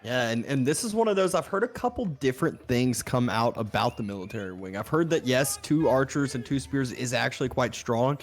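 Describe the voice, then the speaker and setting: A man's voice: medium pitch, expressive, a little fast, few pauses. A man co-casting an esports match, analytical and rambling, with many filler words. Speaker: co-caster. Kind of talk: esports commentary.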